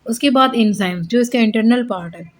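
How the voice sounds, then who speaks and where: Woman teaching biology in a quick lecture. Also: on the high side. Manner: explanatory, asks and answers own questions; mixes English terms into Hindi. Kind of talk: whiteboard lecture.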